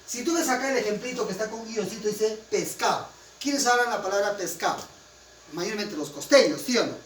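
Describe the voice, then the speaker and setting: In a classroom lecture, a man whose Peruvian Spanish accent traces to Huancayo talks fast in a high-sitting voice. He stresses his points and often checks that students are following. The room sounds spacious, the mic is distant, and there is faint background noise.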